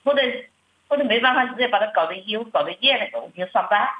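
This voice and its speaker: Middle-aged churchwoman, plaintive and hesitant, breathy voice, muffled sound. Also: on the high side, expressive, fast talker. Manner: hesitant, repeats words and restarts, plaintive. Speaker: church member sharing her troubles. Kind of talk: halting personal account. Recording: muffled lo-fi recording.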